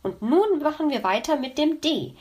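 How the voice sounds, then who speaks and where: A cheerful female elf from a storybook, teasing and bright, a bit higher and louder than plain narration, as a woman reads her. Lively and friendly in tone. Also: normal speed. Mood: instructive. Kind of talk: audiobook reading.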